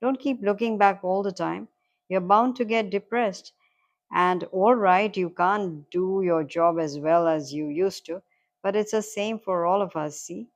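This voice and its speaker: A woman's voice: medium pitch, unhurried, pitched above the performer's own voice, lightly acted. A woman reading the lines of a cheerful retired old man who talks bluntly and coaxingly. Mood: hearty.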